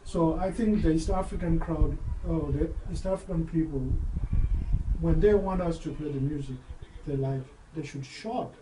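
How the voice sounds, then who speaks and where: A man's voice: fairly high pitch, normal speed, noisy background. Hesitant man DJ, roomy distant sound. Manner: hesitant, repeats words while thinking. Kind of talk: casual interview. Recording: roomy sound, voice far from the mic, faint background ambience.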